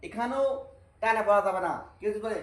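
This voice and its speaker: High-voiced man teaching Arabic letters. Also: roomy sound, low-quality recording. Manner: repeats drills slowly and patiently, asks and answers own questions. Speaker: Quran teacher. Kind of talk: Arabic reading lesson.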